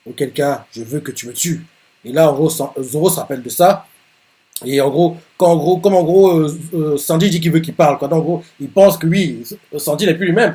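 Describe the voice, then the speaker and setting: Excitable man recapping a manga chapter. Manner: excitable retelling, laughs often, many fillers; jumps up high when joking. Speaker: manga reaction host.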